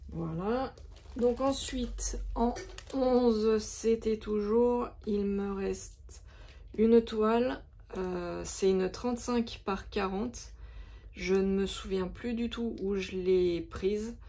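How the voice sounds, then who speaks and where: Slow-paced and mellow, a woman with a medium-pitched voice gives a casual show-and-tell of her craft stock. She chats hesitantly, with plenty of fillers.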